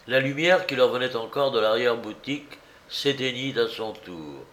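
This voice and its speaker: A man reading a novel aloud as narrator, with slow, dramatic storytelling. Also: mid-range voice, animated, a bit bright, slight background noise. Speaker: audiobook reader. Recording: roomy echo.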